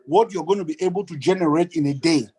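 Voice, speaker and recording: A man's voice: fairly high pitch, fast talker, mellow, low-quality recording. A man from Cameroon speaking earnestly on a video call, often repeating his phrases for emphasis. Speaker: guest speaker. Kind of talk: online meeting remarks.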